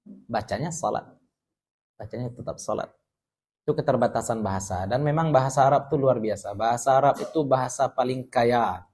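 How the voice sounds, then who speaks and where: A male Islamic teacher with a Minangkabau accent gives a lively lecture. He explains Arabic words and jokes with his listeners. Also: medium pitch, brisk. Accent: Minangkabau Indonesian. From West Sumatra. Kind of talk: religious study lecture.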